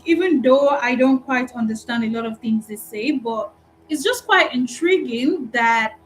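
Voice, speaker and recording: The audio is rough, with a little hiss or hum, as a high-voiced woman with a Nigerian accent leads a live online training session. She is a customer support recruiter giving an animated, encouraging talk.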